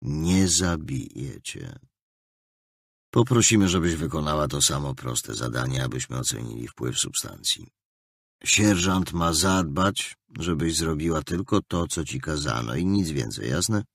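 A stern, cold interrogator, as a male audiobook narrator puts him on, hands out orders in slow, clipped phrases. The voice sits very deep and gravelly, with a husky grain. Every threat comes out flat and quiet. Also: no room sound, clean studio sound, heavily acted. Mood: cold, commanding. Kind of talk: audiobook character voice.

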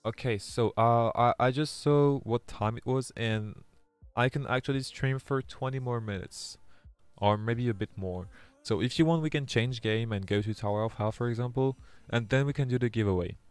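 A young native French speaker from France, with a French accent, chats with viewers during a live game stream and reads their messages aloud. He comes across as earnest, restarting his sentences often. His mid-range voice is smooth and moderately paced, with no room sound and soft music in the background.

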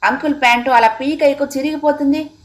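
A woman's voice: sits high, fairly even intonation, a little fast, voice pushed up, lightly acted. A woman voicing a retired man in his sixties, a flustered dog owner who pleads and coaxes, in a storybook reading. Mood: coaxing.

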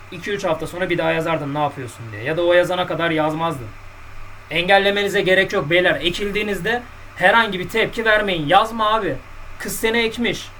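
A man's voice: high-pitched, a bit bright, far from the mic, slight background noise, low-quality recording. A man coaching on dating in a casual podcast monologue, blunt and colloquial, lecturing his listeners directly.

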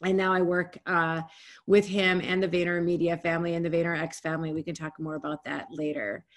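A woman, giving an energetic, conversational webinar talk from home over a video call. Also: fairly low pitch. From United States. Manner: energetic and conversational, speaking in quick bursts with restarts. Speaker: guest speaker. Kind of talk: webinar presentation. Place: home room, indoors.

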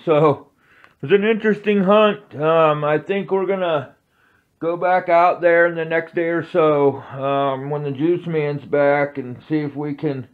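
A man hosting a metal detecting vlog, rambling casually to viewers with many pauses and ums. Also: fairly high pitch, narrow, tinny audio. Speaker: metal detecting channel host. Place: outdoors on a grassy course, then an indoor home office.

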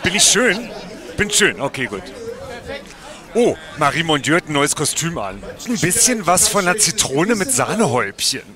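A man's voice: on the high side, very animated, normal speed, a crowd in the background. A man speaking as a campy drag queen host, chatting casually on a roving vlog with music behind. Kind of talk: roving vlog chat with interviews. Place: outdoor Christmas market and small backstage booth. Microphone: headset.

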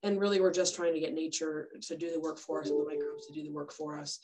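Brief: woman extension educator on a video call, low-ish voice, chatty and friendly. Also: steady tone, quick pace, dark tone, poor audio. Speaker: extension educator giving a compost talk. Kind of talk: informal webinar presentation.

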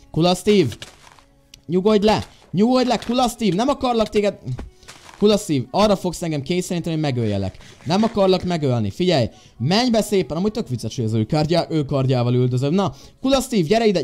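A young Hungarian man playing Minecraft for viewers, ordering a game character around in a loud, bossy tone and chatting between commands. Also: a little high. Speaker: gaming youtuber. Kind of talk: Minecraft role-play let's play. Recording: light music behind.

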